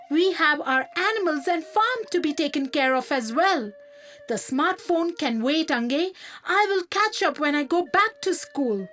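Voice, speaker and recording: Woman doing a gentle little girl, earnest, high young voice, storybook. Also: full character voice. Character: kind, caring little mountain girl. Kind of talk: storybook narration.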